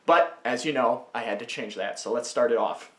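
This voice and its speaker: A man gives casual, unscripted commentary on his own video series in a fairly bright, medium-pitched voice at normal speed, with a reverberant sound. He is chatty and rambling, often interrupting himself.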